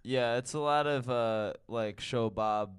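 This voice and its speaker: A man's voice: mid-range voice, takes it slowly, smooth, no room sound, studio quality. A young man in casual, laid-back chat, trailing off into mumbled asides.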